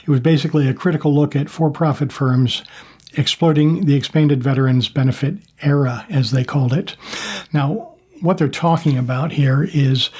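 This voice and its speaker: An older American man with a husky, slightly rough voice at a medium pitch. He hosts in a casual, plain-spoken monologue, addressing viewers in a measured, halting delivery with pauses. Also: darkish tone. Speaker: YouTube host, former Marine.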